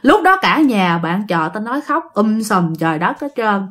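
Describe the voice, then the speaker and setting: Telling a ghost story casually, this Southern Vietnamese-accented woman chats and addresses her audience directly. She speaks at normal speed in a mid-range, slightly bright voice that's very animated.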